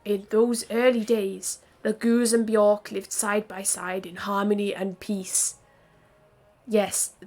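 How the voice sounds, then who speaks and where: A woman streaming a game, reading its story dialogue aloud earnestly, with joking asides. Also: medium pitch.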